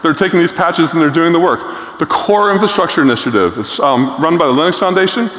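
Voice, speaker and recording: Echoey hall reverb surrounds a middle-aged man giving a conference keynote. His pitch is fairly high and a bit bright, his pace brisk and his intonation lively, and he comes across as blunt and enthusiastic, with frequent fillers.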